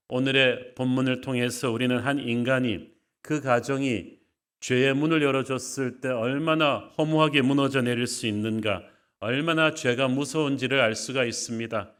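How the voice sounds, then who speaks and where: A man's voice: mid-range voice, a bit bright, smooth. A male pastor preaching an earnest, conversational sermon with rhetorical questions to his congregation. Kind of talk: expository sermon.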